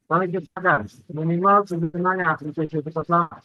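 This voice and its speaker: A man's voice: on the high side, steady tone, normal speed, dry recording, dull audio. Man on choppy breaking-up call audio. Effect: choppy video-call audio breaking up. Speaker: webinar moderator. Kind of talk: formal moderating over a video call. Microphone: video call.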